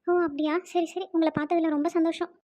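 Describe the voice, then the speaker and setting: A woman's voice: very high voice, flat delivery, fast talker, dark tone, no echo. Woman doing a worried, pleading cartoon friend. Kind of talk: cartoon comedy voice acting.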